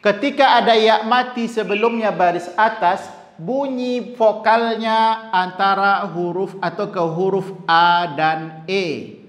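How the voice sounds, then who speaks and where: A man teaching tajweed, slowly demonstrating Arabic sounds and repeating syllables for students. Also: high-pitched, fairly bright tone. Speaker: Quran recitation teacher. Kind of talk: tajweed lesson with recited examples. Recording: echoey room with long reverb.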